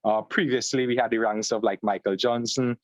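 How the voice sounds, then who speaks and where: A man's voice: medium pitch, a little fast, no echo. Trinidadian man telling his story. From Trinidad and Tobago. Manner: relaxed storyteller, fillers, "long story short". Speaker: guest. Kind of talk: conversational interview. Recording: slightly dull, dry call audio.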